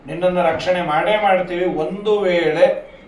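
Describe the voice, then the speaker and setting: A man's voice: high-pitched, fairly even intonation, unhurried, darkish tone. A man giving a humorous devotional discourse and telling stories. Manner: humorous, chatty, sings verses. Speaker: religious discourse speaker. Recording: echoey hall, distant mic, faint noise.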